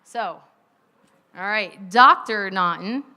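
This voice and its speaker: A woman's voice: mid-range voice, takes it slowly, bright, forceful tone. A woman moderating a live stage panel, introducing guests and asking questions in an upbeat, emcee-like way. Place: stage at a live outdoor event.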